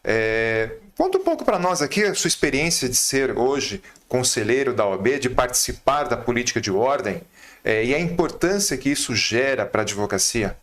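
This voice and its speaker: A Brazilian man hosting a podcast interview, asking relaxed questions and adding brief affirmations. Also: medium pitch, normal speed. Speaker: podcast host.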